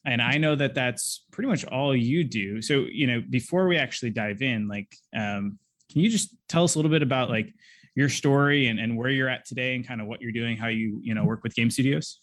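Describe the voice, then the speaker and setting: A man hosts a podcast interview over a video call from his office. He talks loosely and warmly, with many fillers and restarts. His pitch sits in a middle range. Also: fairly quick. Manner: loose, friendly, many fillers like "you know" and "like". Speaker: podcast host. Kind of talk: casual interview hosting.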